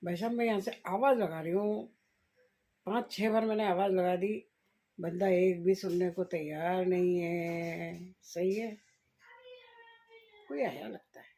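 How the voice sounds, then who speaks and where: A woman's voice: on the low side, steady tone, unhurried, pauses often, mellow. A woman vlogging at home in a casual chat, talking straight to her viewers and musing aloud. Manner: chatty, talks straight to viewers, muses aloud.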